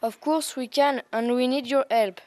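A woman's voice: high voice, steady tone, moderate pace, a little mellow, natural voice. A schoolgirl voicing a friendly talking giraffe in a school play. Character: talking female giraffe from the zoo.

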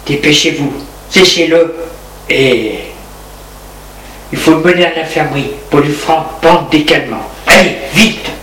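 A man's voice: on the high side, unhurried, pauses often, fairly bright tone, echoey room, a little hiss or hum. A man doing a curt commanding doctor. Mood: brisk. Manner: curt orders.

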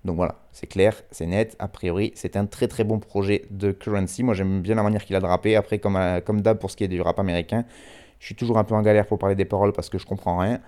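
Mellow-voiced man hosting a rap show. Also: on the low side, fast talker, clean tone. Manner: relaxed, self-deprecating, hesitant with frequent fillers. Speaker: radio show host presenting rap tracks. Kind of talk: casual spoken presentation, reading a review aloud.

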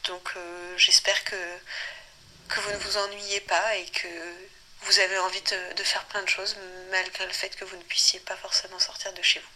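A woman's voice: mid-range voice, monotone, normal speed, bright, forceful tone, a little hiss or hum, poor audio. A woman recording a casual spoken diary, hesitant and searching for words. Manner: hesitant, full of fillers and restarts. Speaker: diarist.

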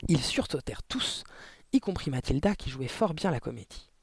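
A man reads a children's novel aloud in an animated, theatrical way. His pitch rises and falls widely and sits a bit high for a man. The recording is dry and close, with no room sound. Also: normal speed, creaky, breathy edge, dry recording. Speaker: audiobook reader. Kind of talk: expressive storybook narration.

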